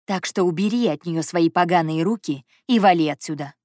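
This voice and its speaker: A woman's voice: fairly low pitch, a little fast, darkish tone, no room sound, clean studio sound, natural voice. A woman reading an audiobook and voicing a stern, jealous young man who speaks in a clipped, commanding way. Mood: contemptuous.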